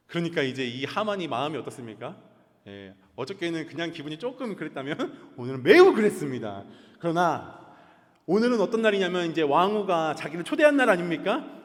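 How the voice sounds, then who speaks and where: A male pastor preaching a storytelling sermon, dramatic and animated, often putting questions to his congregation. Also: fairly high pitch. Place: church sanctuary. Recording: church hall reverb.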